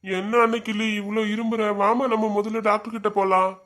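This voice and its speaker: A man's voice: high voice, flat delivery, a little fast, a bit bright. A man playing a grumbling grown son and husband in a comedy skit, brushing off his mother's lectures.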